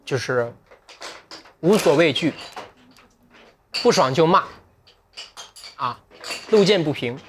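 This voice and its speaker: A man hosting a livestream, chatting casually in a reflective, joking way, sometimes switching to slow, careful English. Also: a little high, animated, fairly bright tone, slight background noise. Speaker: livestream sales host.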